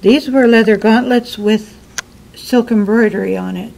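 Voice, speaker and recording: A woman giving an informal museum tour as guide, calm and explanatory, pausing to find her words. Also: on the high side, creaky. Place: inside a small museum. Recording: noisy on-location recording, varying distance from mic.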